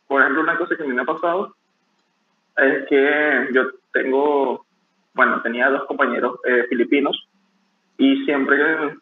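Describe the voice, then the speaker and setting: A young man, a barista, talking casually in an interview, relaxed and rambling with many restarts. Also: medium pitch, a little hiss or hum. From Venezuela. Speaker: barista guest. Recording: tinny phone-like call audio.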